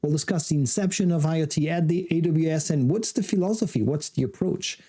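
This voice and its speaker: Mellow-voiced man hosting a tech show. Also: a little high, fairly quick, husky. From France. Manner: chatty, upbeat, with small laughs. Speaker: show host. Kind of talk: casual tech interview.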